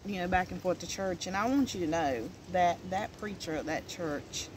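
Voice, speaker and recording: A woman's voice: on the low side, moderate pace. A middle-aged woman with an Appalachian accent chatting casually outdoors in a folksy, plain-spoken way. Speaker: co-host. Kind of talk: casual chat. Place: outdoors in a wooded yard. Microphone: camera a few feet away. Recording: noisy outdoor recording.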